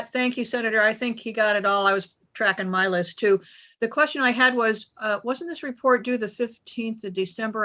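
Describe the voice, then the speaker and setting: A woman's voice: mid-range voice, pushed and bright. Woman, committee member, polite, inquiring, video call. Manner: polite, questioning. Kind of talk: meeting discussion.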